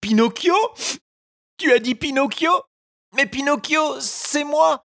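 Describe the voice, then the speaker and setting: A woman voicing Pinocchio, an emotional, impulsive young wooden puppet boy, with high, pleading cries in a storybook reading. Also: slow pace, creaky, fairly bright tone, no echo, clean studio sound, exaggerated voice. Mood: eager.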